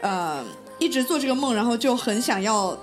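A woman's voice: a little high, expressive, moderate pace, soft background music. A woman from Wenzhou hosting a casual group chat, telling stories and posing reflective questions to the others. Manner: reflective storyteller who poses questions to the group.

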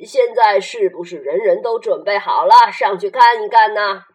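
A woman voicing a cheerful, wise old male grasshopper in a storybook read aloud, in a lowered, hearty voice. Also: moderate pace, natural voice. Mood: cheery.

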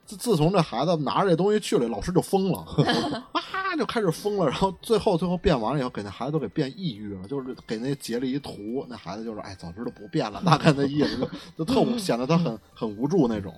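A man's voice: fairly high pitch, fast talker, few pauses, husky. A man, co-hosting a casual chat about internet memes and telling anecdotes in colloquial slang. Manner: animated storytelling with colloquial slang. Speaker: podcast co-host.

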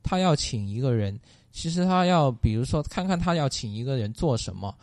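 A man answering interview questions who lays out his points one by one, pausing often on fillers. His voice is dark and mellow. The sound is close and dry. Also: mid-range voice, no room sound. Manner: explanatory, methodical, with many fillers. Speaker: guest.

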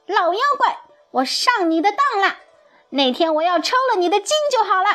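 Nezha, as a woman puts him on, a shrill fierce boy. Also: big pitch swings, moderate pace. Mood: fierce urgent. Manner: high, urgent and fierce. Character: brave hot-tempered young boy hero. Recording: soft music behind.

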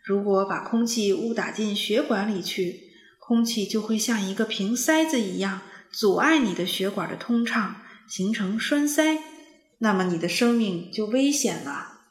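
A woman voicing a calm, kindly rabbit doctor who patiently explains things to children. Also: medium pitch, unhurried, reverberant, natural voice. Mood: explaining.

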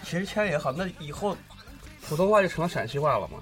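Casting: man, high lively voice, blunt questioning banter. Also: fast, soft background music. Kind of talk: casual bantering group chat.

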